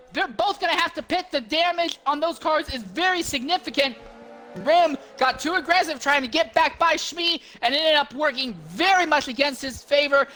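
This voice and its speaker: A man works as a live motorsport commentator. His voice is bright and sharp, and he calls the race in detailed play-by-play. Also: very high-pitched.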